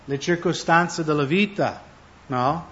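Man, sermon, conversational, asks questions, higher pitch, muffled recording. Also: slow pace, a bit bright. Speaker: preacher. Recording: dull lo-fi recording.

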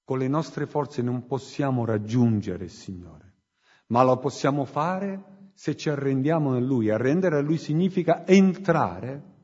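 Slow, husky Italian-sermon preacher man. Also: mid-range voice. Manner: slow, emphatic, swings from loud to hushed. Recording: muffled recording with long hall reverb.

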